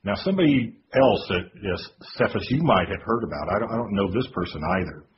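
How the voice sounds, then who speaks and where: Deep-voiced man hosting a lo-fi podcast. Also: expressive, fairly quick. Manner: hesitant, many fillers, reads quotes aloud. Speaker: podcast host. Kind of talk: casual podcast commentary. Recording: dull lo-fi podcast audio with noise.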